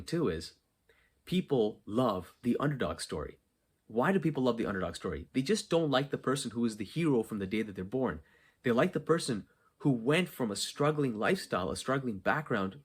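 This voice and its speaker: Recording in an unfinished basement just after exercising, this solo podcast host offers motivational talk with earnest emphasis. His voice is mid-range with a breathy edge, and he raises questions only to answer them himself.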